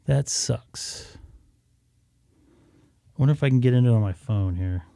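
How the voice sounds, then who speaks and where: Casual male streamer with gravelly creak. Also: mid-range voice, measured pace, mellow, no room sound. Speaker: live stream host. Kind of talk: casual live stream chat.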